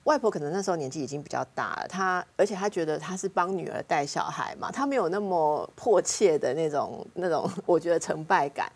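A woman with a Taiwanese Mandarin accent talks quickly in a slightly low, husky voice. She is a counselor on a talk show, telling casual stories about her family. She acts out her relatives' lines as she goes. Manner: lively anecdotes, acting out family members' words.

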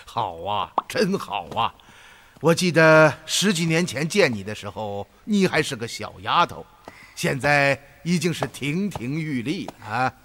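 An actor playing a dignified official in a historical drama, with a measured rhythm and crisp, weighty articulation. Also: male voice, medium pitch, sing-song, a bit bright, slight background noise. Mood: delighted. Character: dignified middle-aged Tang official, warm uncle.

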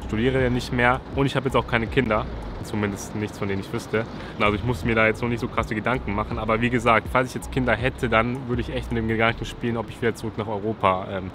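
A young man from Germany talking casually to a handheld camera outdoors in a relaxed, chatty way. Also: lowish voice, background noise. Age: young adult. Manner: relaxed, chatty, thinking aloud. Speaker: YouTuber. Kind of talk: casual vlog talk to camera. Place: outdoors by a city riverside railing. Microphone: selfie camera at arm's length.

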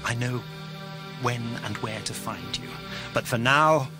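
An actor playing a grave, protective time-travelling mentor in an audio drama, earnest, articulate and theatrical. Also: male voice, medium pitch, unhurried, music in the background, lightly acted. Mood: firm, protective.

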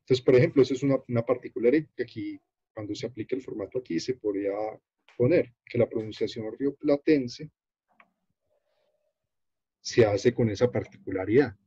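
A man with a Colombian accent leads an online workshop, explaining a web page as he shows it on screen. He talks in a halting, unhurried way, full of fillers and restarts. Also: medium pitch, mellow, breathy edge. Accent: Colombian Spanish. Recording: dull, dry video-call audio.

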